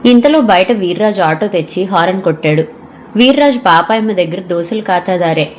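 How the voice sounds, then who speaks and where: A woman narrating an audio novel in a steady storytelling manner. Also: fairly low pitch, normal speed, a little hiss or hum.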